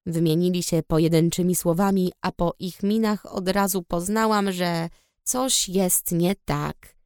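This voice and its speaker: A woman narrating a storybook in the first person with a steady, measured reading on a close studio mic. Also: on the low side, clean tone, no room sound. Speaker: audiobook narrator.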